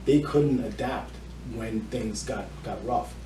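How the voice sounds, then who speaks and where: Slowly and in a fairly low voice, a middle-aged man describes his career as a mortgage loan officer while being interviewed. A small audience is present in the indoor room, which sounds echoey, and the faraway mic catches faint noise.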